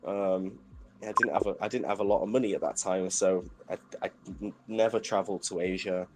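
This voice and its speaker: A British guest DJ in his thirties tells his story in a relaxed, casual interview chat, using lots of fillers. His voice is low-pitched and a little fast, with background noise in the recording.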